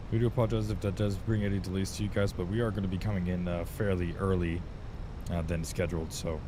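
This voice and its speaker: A man playing a calm, apologetic airline captain making a measured, polite pilot announcement to passengers, with hesitant pauses. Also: natural voice. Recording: clear low rumbling background noise.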